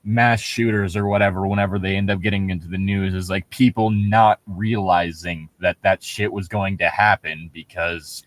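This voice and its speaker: Here a man with a low voice speaks at a moderate pace in a steady tone, hardly pausing, captured in a dry recording. He co-hosts a show mocking online horror fiction, reading passages with wry, sarcastic banter and frequent laughs.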